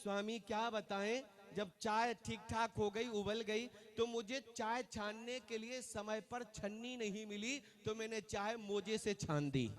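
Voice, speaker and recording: High-voiced joking festival compere. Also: male voice, fairly even intonation, measured pace, hardly any pauses. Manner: joking storyteller who leads applause. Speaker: stage compere at a religious festival. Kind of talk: live stage announcing with comic anecdotes.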